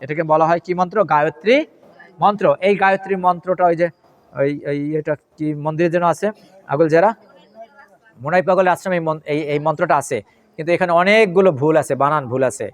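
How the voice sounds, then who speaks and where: A man giving a devotional scripture lecture, chanting mantras slowly and explaining their pronunciation while asking his listeners questions. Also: fairly high pitch. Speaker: religious lecturer.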